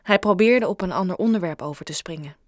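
A woman's voice: on the low side, fast, no echo, studio quality. Woman narrating a children's story. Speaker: audiobook narrator. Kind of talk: scripted narration.

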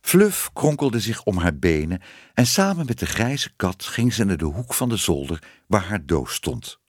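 A man narrating a children's storybook aloud in an expressive way. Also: low voice, measured pace, no room sound, studio quality. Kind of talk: audiobook reading.

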